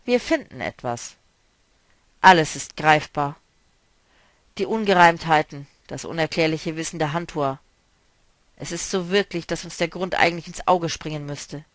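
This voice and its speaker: A man's voice: a little high, normal speed, pauses often, fairly bright tone, no room sound, close to an everyday voice. A man reading a novel aloud, voicing a stern, mocking woman who speaks firmly and decisively. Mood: determined.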